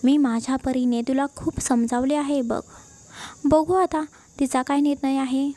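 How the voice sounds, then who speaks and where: A woman voicing a kind old grandmother who heads the family and talks gently with mild teasing. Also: sits high, steady tone, measured pace, no echo. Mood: affectionate. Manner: gentle, affectionate, mildly teasing.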